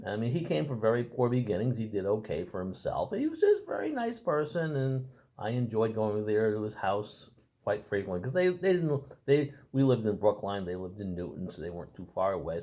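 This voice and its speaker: Older man, lively pitch. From Boston, Massachusetts. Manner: rambling, halting, with many restarts. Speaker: interviewee. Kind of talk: casual family-history interview.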